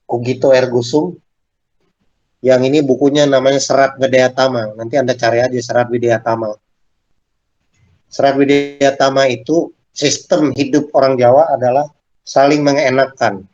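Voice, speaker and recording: A man lectures a class in a relaxed, talkative way, asking questions and speaking straight to his students. His voice sits at a middle pitch. The recording is dull and slightly lo-fi. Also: moderate pace. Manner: conversational, asks questions and addresses students directly. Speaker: university lecturer.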